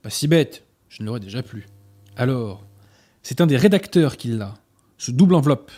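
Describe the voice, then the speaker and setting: A man's voice: medium pitch, animated, normal speed, dark tone, natural voice. A man reading aloud as a defiant young amateur detective who answers curtly.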